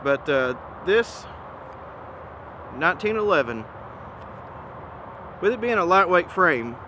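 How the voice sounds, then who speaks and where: A man giving a casual, easygoing product comparison as a presenter, speaking in an informal, measured and opinionated way. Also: high voice, sing-song. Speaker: gun reviewer and presenter. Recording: noisy outdoor recording with ambient hum.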